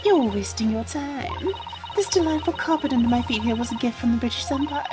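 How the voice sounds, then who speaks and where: Woman doing a smug breathy english villain lady, sneery and slow, pretty high voice. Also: over music, natural voice. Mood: mocking. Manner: taunting, drawn-out sneering delivery. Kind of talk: fan voice dub of a game.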